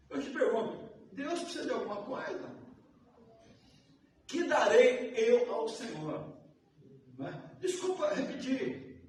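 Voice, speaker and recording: A man preaching a sermon as pastor, emotional and rising to shouts, asking the congregation questions. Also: very high voice. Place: church sanctuary. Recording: very echoey room, mic far off, faint hiss.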